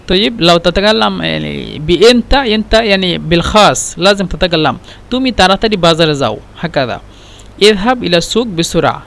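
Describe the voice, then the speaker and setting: Quick, high-voiced male language teacher. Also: vocal fry, fairly bright tone. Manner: repeats words and explains them one by one; non-native, broken Egyptian Arabic. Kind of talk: casual spoken lesson.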